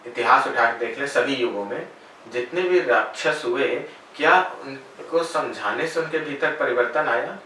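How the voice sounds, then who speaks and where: A spiritual guide answers interview questions in a calm, measured way. The man's voice is bright and forceful. He sits well back from the mic in a very echoey room with faint noise behind. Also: mid-range voice, distant mic. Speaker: spiritual guide and meditation teacher.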